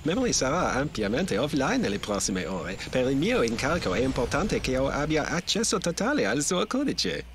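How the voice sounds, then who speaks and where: A man's voice: medium pitch, sing-song, moderate pace, few pauses, a bit bright, slight background noise. A man playing a fussy, sarcastic technical officer in a video game, with a German accent and clipped dry delivery. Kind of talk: video game mission dubbing.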